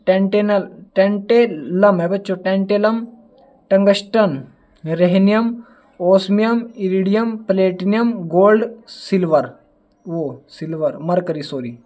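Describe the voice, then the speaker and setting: A man's voice: high voice, mellow. A young man teaching a casual chemistry lesson, chatty and fond of calling his students dear children, stumbling and apologizing over hard element names. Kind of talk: casual classroom lesson with mnemonics.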